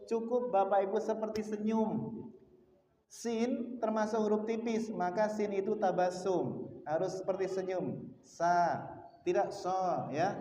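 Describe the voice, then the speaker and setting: A man's voice: sits high, dark tone, a little hiss or hum. A man with an Indonesian accent teaching Quran pronunciation to a class, patiently drilling letter sounds aloud for students to repeat. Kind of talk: mosque class lesson. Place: mosque hall. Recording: echoey mosque hall, distant dull sound.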